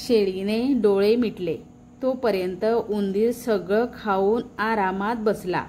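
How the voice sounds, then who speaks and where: Very slow-reading woman storyteller. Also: mid-range voice, a little hiss or hum. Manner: warm asides to young listeners. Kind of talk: children's story narration.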